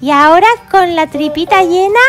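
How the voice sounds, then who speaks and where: A woman from voicing a cheerful little girl pig who fusses over her baby dolls in a sing-song, drawn-out way. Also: very high-pitched. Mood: doting. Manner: sing-song, fussing and doting, drawn-out words.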